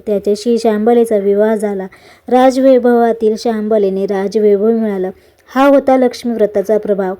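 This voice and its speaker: A woman narrating a devotional folk story in a measured storybook manner. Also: on the high side, warm tone.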